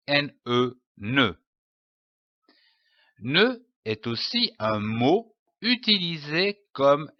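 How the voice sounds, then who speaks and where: A man with a French accent teaching reading to young children, spelling out letters and sounding out syllables slowly and carefully. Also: medium pitch, sharp tone, dry recording, lo-fi sound. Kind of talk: slow phonics lesson for young children.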